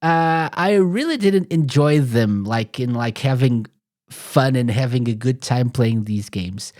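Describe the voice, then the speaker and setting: A Portuguese man hosts a podcast, speaking at a medium pitch, a little slowly, with a slightly mellow sound. In casual chat he tells rambling stories and keeps correcting himself along the way.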